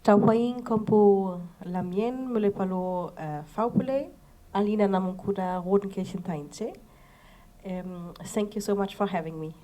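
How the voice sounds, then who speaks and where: Woman teacher, hesitant, hunting for words, mellow voice. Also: medium pitch, measured pace. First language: German. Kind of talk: panel self-introduction.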